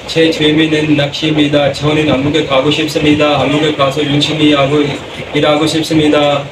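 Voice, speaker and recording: A man's voice: a little high, completely flat delivery, moderate pace, distant mic. A man in his thirties from Pakistan recites a memorized self-introduction as a test candidate, in an echoey, noisy room. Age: 30s.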